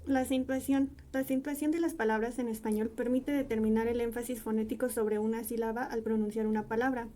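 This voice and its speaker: A woman's voice: a little high, steady tone, brisk, hardly any pauses, dark tone. A young woman student reading her team's class presentation aloud from a prepared script. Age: young adult.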